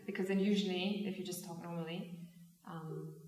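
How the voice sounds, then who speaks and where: A woman's voice: fairly low pitch, fairly even intonation, normal speed, darkish tone. A woman English teacher talking through an exam discussion, hesitant and full of fillers and restarts. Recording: echoey room, mic far off.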